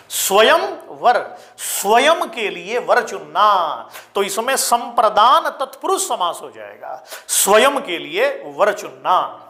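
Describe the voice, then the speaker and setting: A man teaching a spelling lesson to exam students, repeating each word slowly and calling his listeners children. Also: high-pitched, sharp tone. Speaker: Hindi teacher.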